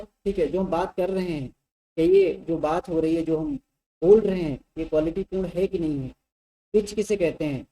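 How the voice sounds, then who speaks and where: A woman's voice: lowish voice, dark tone, poor audio. A woman teacher giving a conversational exam-prep lecture, checking in with listeners often and explaining through spoken examples.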